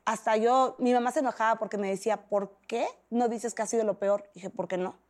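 Speaking a little fast in a slightly high voice, this woman in her thirties has a Mexican accent. She's a guest in an interview, animatedly sharing a personal story and performing the voices of the people in it.

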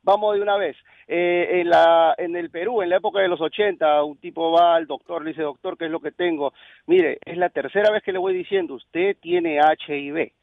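A man tells a joke over a dull, muffled line and acts out each character's voice with gusto. His voice sits a bit high and sounds dry, as if close to the phone. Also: fairly even intonation, normal speed, gravelly, dry recording. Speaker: caller telling a joke.

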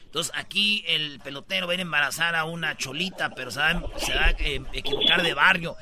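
A man's voice: a little high, fairly quick, heavy background noise. A man hosting a comedy radio show, playful and slangy as he jokes with his co-host and callers.

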